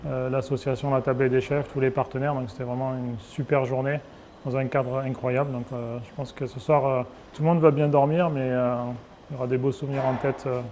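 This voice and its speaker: A man's voice: medium pitch, little pitch movement, a little fast, a little mellow. A man who supervises the student team speaks in an ordinary register in a short interview. He sounds pleased and lists his thanks one by one, with a light background hiss. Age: adult.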